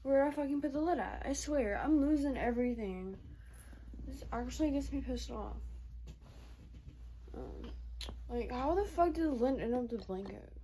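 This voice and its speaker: A woman's voice: high-pitched, expressive, normal speed, long pauses, warm tone, slight background noise. A woman vlogging casually late at night from her bedroom while eating, grumbling and swearing a lot, sometimes dropping to a whisper. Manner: profane, grumbling, drifting into whispers.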